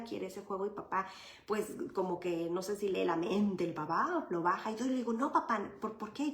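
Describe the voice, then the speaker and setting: A woman, a child psychologist answering viewer questions in a live session, explaining patiently and conversationally with many fillers. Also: medium pitch. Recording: roomy echo.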